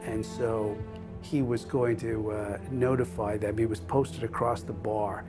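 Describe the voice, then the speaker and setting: A man's voice: lowish voice, fairly even intonation, unhurried. A man explaining events as a documentary commentator. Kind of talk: documentary interview. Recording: music underneath.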